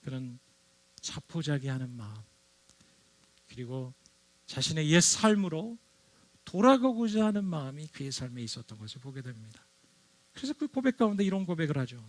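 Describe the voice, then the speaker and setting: A man's voice: fairly high pitch, big pitch swings, moderate pace, long pauses, no echo. Earnest male pastor preaching. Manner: earnest, dramatic preaching with voiced quotes. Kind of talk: sermon. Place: church sanctuary.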